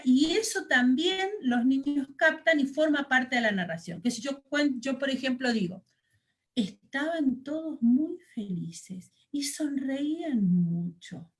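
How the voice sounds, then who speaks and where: A woman from Argentina leads a training lesson on telling stories to children. Her voice sits fairly high. She explains step by step and often checks in with a soft "mm?". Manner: explanatory, with many fillers and rhetorical checks.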